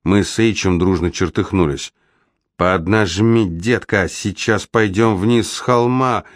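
A man reading a novel aloud as an audiobook narrator, in a steady, even storytelling manner. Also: sits low, no echo, clean studio sound. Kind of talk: scripted narration.

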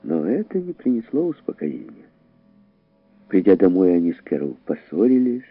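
A man's voice: huge pitch swings, moderate pace, husky. Man, audiobook narrator, dramatic delivery, tinny lo-fi sound. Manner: dramatic, voices characters with raised pitch. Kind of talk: expressive audiobook reading.

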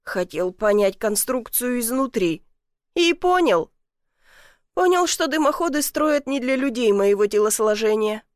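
A woman's voice: high-pitched, moderate pace, dry recording, clean studio sound, close to an everyday voice. A woman voicing a clumsy, proud young man who gets stuck and grows flustered, in an audiobook reading.

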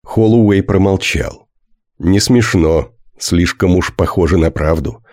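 Brief: male audiobook narrator, very low, measured delivery, dead-dry studio sound. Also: a little mellow, no echo.

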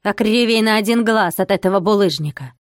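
A woman reading an audiobook voices a scornful old male villager who mocks calmly and coldly. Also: lowish voice, moderate pace, no echo, clean studio sound, lightly acted. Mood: mocking, scornful. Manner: mocking, calm and cold.

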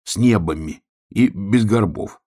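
Male narrator doing bossy storybook bear cub, low husky voice, blunt short lines. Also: a little slow, a little mellow. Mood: explaining. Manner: blunt, brusque, mumbling. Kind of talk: audiobook character voice.

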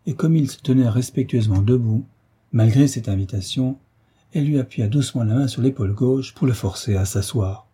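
A man narrating a classic novel as an audiobook with a measured, deliberate reading. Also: mid-range voice, dark tone, slightly rough.

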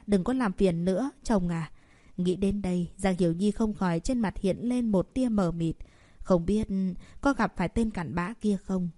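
A woman narrating a serialized romance novel as an audiobook reader, in steady storytelling. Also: fairly low pitch, dry recording, clean studio sound.

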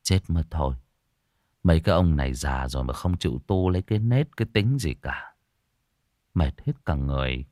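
A man's voice: a bass voice, animated, normal speed, a little mellow, no room sound, studio quality, pitched below the performer's own voice. A man voicing a tired young man who grumbles in exasperation. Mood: exasperated.

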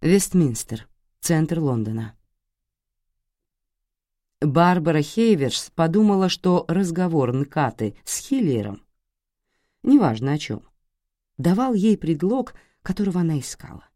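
A woman narrating an audiobook in a measured, dramatic scripted reading. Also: low voice, big pitch swings, warm tone, no room sound, studio quality.

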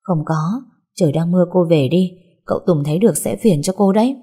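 A woman's voice: on the low side, brisk, warm tone, breathy edge. Woman doing an evasive, apologetic housekeeper.

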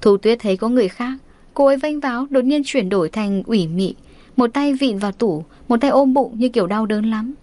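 A woman's voice: a little high, animated, fairly quick, mellow, no echo. A woman reading a first-person story, wry and chatty in tone. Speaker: story narrator.

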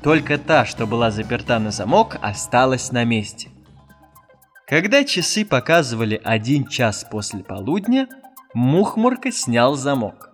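A man narrating a children's fairy tale, in a lively, expressive storybook style. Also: mid-range voice, unhurried, faint music behind. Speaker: audiobook narrator.

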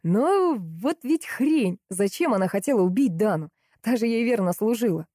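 A woman's voice: mid-range voice, animated, normal speed, dark tone, no echo, studio quality, close to an everyday voice. Woman voicing a sneering, rude man. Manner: sneering, blunt, jeering. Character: rude mocking middle-aged man, scornful writer.

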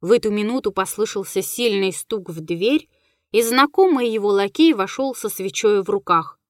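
A woman reading a classic tale aloud for an audiobook, measured and steady. Her voice sits at an ordinary pitch, and the recording is dry, with no room echo. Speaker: audiobook narrator. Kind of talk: literary audiobook narration.

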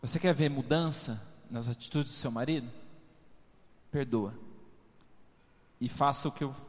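A Brazilian male pastor with a mid-range, fairly bright voice preaches a humorous, conversational sermon in a church hall with a long reverb tail. He constantly tags his sentences with questions to the congregation, whom he calls "amados".

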